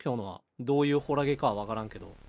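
A young man streaming a game in casual chat, jumpy and prone to loud yelps and laughter. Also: medium pitch, very fast, gravelly, dry recording, studio quality.

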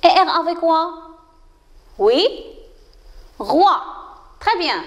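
Slow, encouraging woman teacher. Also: high voice, sing-song, long reverb tail. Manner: slow, clear, encouraging, praising pupils often. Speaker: primary school teacher. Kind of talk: reading lesson for young children.

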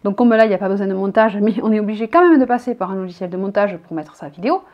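A woman in her thirties from the south of France, with a southern French accent, speaks very fast in a mid-range voice. She's a vlogger in her bedroom, chatting and rambling as she reads each tag question aloud. The recording has its highs cut off.

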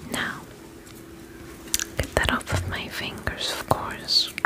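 A woman takes on the role of a spa attendant for an ASMR personal-attention roleplay, her breathy whisper gentle, calming and reassuring. She speaks at a slow pace.

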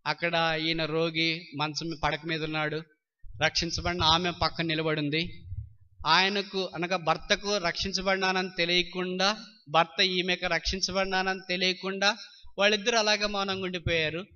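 Male preacher, smooth resonant voice, animated sermon storytelling. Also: sits high, moderate pace. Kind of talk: sermon storytelling with acted dialogue. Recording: dull lo-fi sound.

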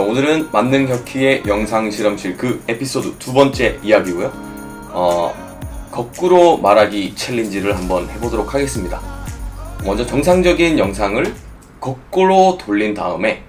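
A man hosting an online challenge video, addressing viewers politely with rhetorical questions. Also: fairly low pitch. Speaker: video host. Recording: clearly noisy recording.

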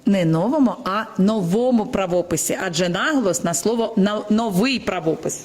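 A woman's voice: medium pitch, normal speed. A woman teacher giving classroom instruction, correcting pupils and stressing where word accents fall.

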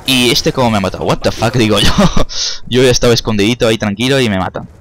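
A man's voice: medium pitch, fast talker, a bit bright, slight background noise. A young man giving casual commentary over his own gameplay, chatty, cursing at opponents and talking to his viewers. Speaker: gaming YouTuber.

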